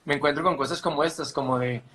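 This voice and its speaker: A man's voice: fairly high pitch, fairly even intonation, quick pace, noisy background. A man with a Colombian accent hosting an interview, chatting casually and telling anecdotes. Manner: conversational, tells anecdotes. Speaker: interview host.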